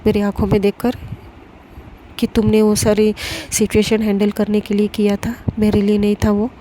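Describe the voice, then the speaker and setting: A woman's voice: medium pitch, monotone, moderate pace, lightly acted. A woman voicing Mishka, a tender young woman who earnestly and persistently presses her feelings. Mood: insistent. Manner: earnest, pleading, gently insistent. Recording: noisy recording with clicks.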